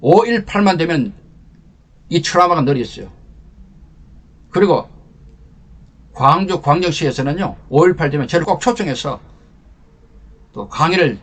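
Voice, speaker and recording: An older man with a husky, slightly higher voice tells a personal war story to teach leadership. His delivery is lively and emotional, rising with feeling and then dropping to a near hush. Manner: emotional storyteller, animated swings from loud to hushed. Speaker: lecturer and channel host.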